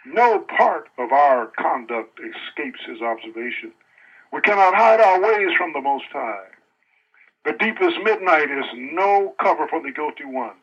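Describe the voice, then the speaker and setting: A man preaching a sermon with a husky voice, dropping to low quiet asides and rising high on emphatic lines, and reading scripture aloud. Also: lively intonation, measured pace. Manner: reads scripture passages aloud. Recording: dull lo-fi recording.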